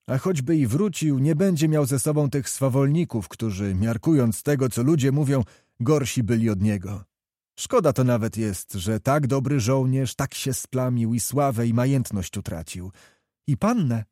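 A man voicing a brisk cavalry colonel who speaks in clipped, commanding tones. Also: mid-range voice, animated, dark tone, no room sound, studio quality, natural voice. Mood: calm. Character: brisk male cavalry colonel, calm soldier.

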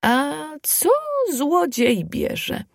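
Slow-spoken wise old spinning granny, played by a woman reader, dry close sound, storybook. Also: sits high, sing-song, creaky, dry recording, voice pushed up, heavily acted. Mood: calm, insistent. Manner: slow drawn-out speech.

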